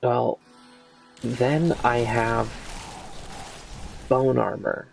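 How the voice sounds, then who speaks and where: A man giving casual gameplay commentary, explaining things in a halting way. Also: medium pitch, fairly even intonation, creaky, soft background music. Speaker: gamer commentating on own play.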